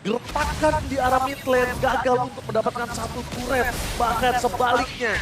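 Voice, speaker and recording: A man with an Indonesian accent doing hyped play-by-play as a game announcer, with drawn-out dramatic shouted calls. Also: very high voice, level tone. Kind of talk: fighting game announcer style play-by-play commentary. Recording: echoey, distant, loud music behind.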